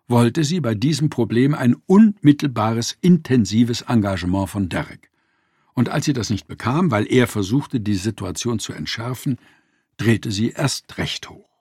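A man narrating a nonfiction audiobook in a lively, expressive reading style. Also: mid-range voice, slightly rough, dry recording, studio quality.

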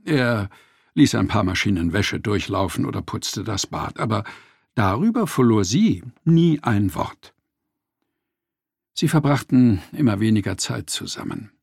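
A man tells a story in scripted narration, expressive with a wry edge. His voice is gravelly and husky, and his pitch moves animatedly through each sentence. The recording is dry, with no room sound. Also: unhurried, no echo.

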